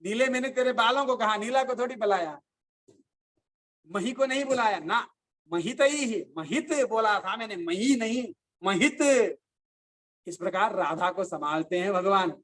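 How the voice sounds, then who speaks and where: A man, a religious teacher, giving a devotional discourse, slowly chanting verses and explaining them through animated storytelling. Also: high-pitched.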